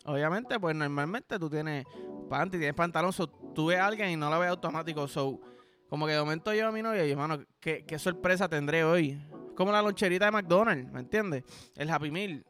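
A man with a Puerto Rican accent riffs crudely and playfully as a podcast host, his voice sitting notably high. Music plays clearly behind him. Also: a little fast, a bit bright. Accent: Puerto Rican Spanish. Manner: rambling, playful, profane. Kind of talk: crude comedic podcast monologue.

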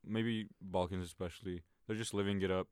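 A man's voice: deep voice, steady tone, fairly quick, a little mellow, clean tone, no echo, clean studio sound. A young man from Bosnia, co-hosting a casual student podcast in a joking, laid-back way. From Sarajevo, Bosnia and Herzegovina. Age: young adult. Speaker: podcast co-host.

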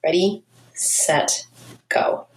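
A woman's voice: very slow, slight background noise, low-quality recording. A woman leading an exercise class as a fitness instructor, giving cues and countdowns in an encouraging way. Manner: encouraging, coaching.

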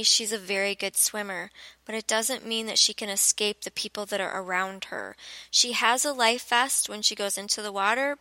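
A woman narrating a story in an expressive reading voice. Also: medium pitch, no echo, low-quality recording. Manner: expressive, dropping quiet for grim moments.

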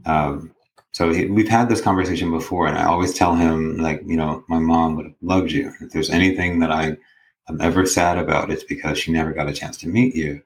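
A man's voice: extremely low pitch, steady tone, a little fast, poor audio. A man speaking as a podcast guest, thoughtfully sharing personal reflections and often checking for agreement. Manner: thoughtful, tag questions seeking agreement.

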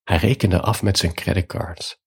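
A man narrating a first-person bedtime story in a calm, measured way. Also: low voice, slightly rough.

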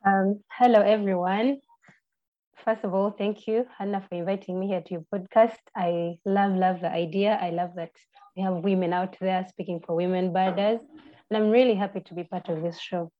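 A young woman in her twenties with a Ugandan accent, a podcast guest who answers questions in a friendly, halting way with many restarts. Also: medium pitch, fairly even intonation. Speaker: podcast guest, birding tour guide. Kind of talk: casual interview answers. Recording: slightly muffled lo-fi audio.

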